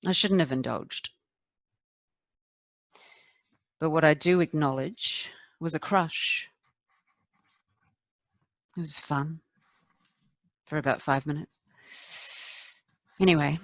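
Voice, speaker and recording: In a dry recording, a low-voiced woman delivers a confessional stage monologue in the role of a rueful, candid middle-aged wife. She's wry and self-deprecating with a reflective mood, leaning on deliberate, emphatic pauses.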